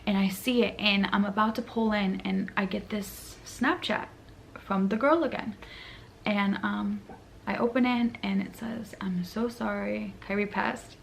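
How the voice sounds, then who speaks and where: A young woman tells a painful story straight to camera, her voice raspy with vocal fry. She is crying, and her voice breaks and climbs as the memory overwhelms her. A faint hiss sits under the recording. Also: mid-range voice, fairly even intonation, measured pace. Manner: tearful, voice breaking and rising in distress. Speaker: vlogger. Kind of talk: emotional personal storytelling.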